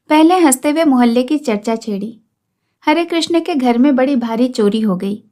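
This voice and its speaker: A woman storyteller reading a classic story aloud in a steady, measured narration. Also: a little high.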